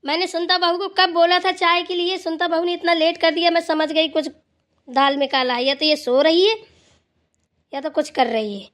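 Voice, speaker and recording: Woman doing a bossy old granny in a cartoon, scolds and preaches, kinda high voice. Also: steady tone, normal speed, fairly bright tone. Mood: scolding. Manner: scolding, then lecturing with advice. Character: stern wise old grandmother, scolding and preachy. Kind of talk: cartoon voice acting.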